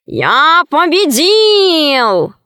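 A woman voicing a sly, boastful male tomcat in a children's story, crying out in shrill squeals. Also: drawn-out words, sharp tone, no echo, studio quality, exaggerated voice. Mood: triumphant.

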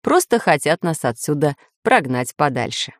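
A woman voicing an excitable male professor of geography who explains things in a lecturing tone. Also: low voice, moderate pace, no room sound, studio quality.

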